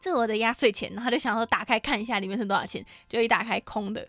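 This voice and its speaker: A young Taiwanese woman co-hosts a podcast with a Taiwanese Mandarin accent, rattling off stories at a quick clip in a fairly high voice. She laughs often and swears casually. The sound is close and dry, with faint music underneath. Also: steady tone, fairly bright tone, dry recording. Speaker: podcast co-host. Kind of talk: casual chat.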